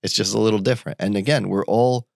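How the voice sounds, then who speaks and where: A man in his thirties from the United States, chatting casually as a podcast guest and telling animated stories. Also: gravelly, no echo, studio quality. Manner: animated, quick jumps in pitch when quoting people. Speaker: podcast guest, entrepreneur and father. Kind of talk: casual conversational storytelling.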